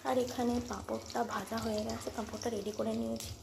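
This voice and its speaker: A young woman with a slightly hoarse voice from a cold, chatting casually to viewers in a home vlog while she does her chores. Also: on the high side, flat delivery, fairly quick, background noise. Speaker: vlogger.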